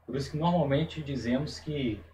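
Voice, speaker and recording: A man giving a Hebrew lesson on video, slowly and carefully, repeating each term as he explains it. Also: medium pitch, mellow, far from the mic, slight background noise, low-quality recording. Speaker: Hebrew teacher.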